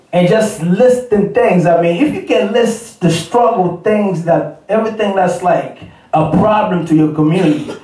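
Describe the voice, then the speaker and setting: A man's voice: sits high, darkish tone. Man, from Congo, spoken-word rapper, rhythmic rhyming flow, distant mic, reverberant room. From Democratic Republic of Congo. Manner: rhythmic rhyming delivery, chatty between pieces. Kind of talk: spoken-word rap performance. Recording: echoey room, far from the mic.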